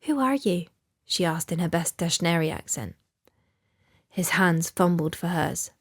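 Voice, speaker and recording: A woman reading a novel aloud as an audiobook narrator in a measured, even storytelling manner. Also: on the low side. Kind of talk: scripted narration.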